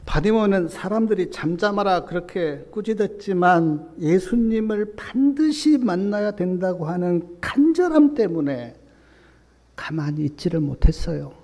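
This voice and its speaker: A male pastor preaching a sermon, swinging between soft, low asides and loud, emphatic appeals. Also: expressive, unhurried. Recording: long reverb of a church hall.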